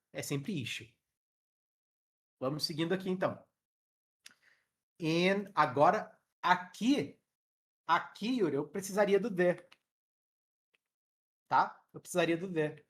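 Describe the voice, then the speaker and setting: A young man with a Brazilian Portuguese accent teaching a live online English class over his webcam. He demonstrates sounds out loud and keeps checking in with his students. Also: high-pitched.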